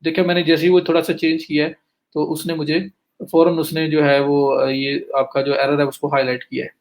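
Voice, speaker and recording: Fast-talking man teaching a screen-share lesson. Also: a little high, little pitch movement. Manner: talks students through clicks step by step, addresses them directly; says he is talking fast to cover more. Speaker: digital marketing instructor. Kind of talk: live screen-share lecture.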